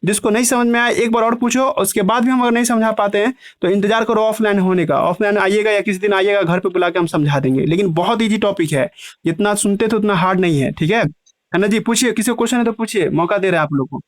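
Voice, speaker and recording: A man teaching a biology class online, in the style of a lecture. He keeps asking "है ना" and stretches key terms out slowly, word by word. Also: high-pitched, no echo, studio quality. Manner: breaks terms into slow emphatic chunks.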